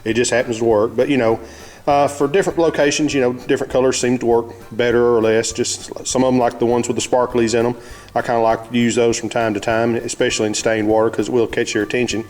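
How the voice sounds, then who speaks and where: A man's voice: medium pitch, little pitch movement, fast talker, darkish tone. Folksy man with an Arkansas Southern accent. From Arkansas, United States. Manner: folksy, plain-spoken. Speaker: fishing show host. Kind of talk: casual how-to demonstration.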